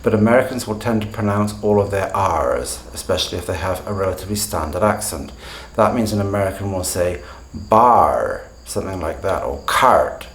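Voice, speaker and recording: A man with a standard British accent giving a pronunciation lesson, speaking in a measured way and slowing down to model example words. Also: low voice, roomy sound, slight background noise. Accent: standard British English. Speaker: English pronunciation teacher.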